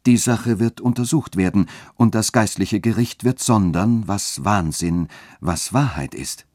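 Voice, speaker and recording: A man reading a story aloud and voicing a scheming, smooth-talking church dean who shifts between insistence and soft coaxing. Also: lowish voice, unhurried, dry recording, studio quality, voice pushed up. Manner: insistent, then softly coaxing. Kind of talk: literary reading.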